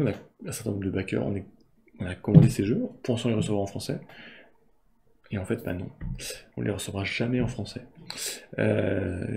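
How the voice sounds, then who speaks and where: A man's voice: on the low side, creaky, mellow, slight background noise. A man hosting a casual board game unboxing video, talking in a rambling way with many fillers and restarts.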